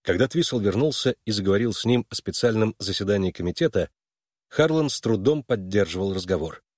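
A man narrating a novel in a measured, expressive reading voice. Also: on the low side, no room sound, studio quality. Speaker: audiobook narrator. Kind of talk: scripted narration.

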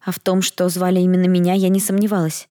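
A woman reading a first-person fantasy audiobook in a lively, expressive way. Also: lowish voice, quick pace, no room sound, clean studio sound. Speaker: audiobook narrator.

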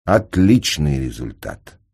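Male narrator as ironic gentleman engineer, middle-aged, deep husky voice, measured. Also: sing-song, full character voice. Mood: amused. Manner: measured, dry, with slight stammers. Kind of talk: audiobook character reading.

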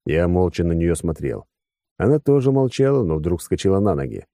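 A man's voice: low voice, big pitch swings, fairly quick, mellow, no room sound, clean studio sound. A man narrating a first-person audiobook with wry, sardonic asides.

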